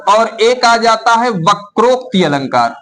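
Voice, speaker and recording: A middle-aged man teaching a classroom lesson, explaining slowly and dictating notes for students to write down. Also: high-pitched, big pitch swings, fairly bright tone, slight background noise, poor audio. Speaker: Hindi teacher. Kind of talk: classroom lecture.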